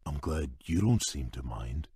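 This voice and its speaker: An actor playing a shy, gentle male beast prince in a game, talking in a halting, bashful way with a husky, rumbling voice. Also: expressive, no room sound, clean studio sound, exaggerated voice. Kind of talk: game voice clips.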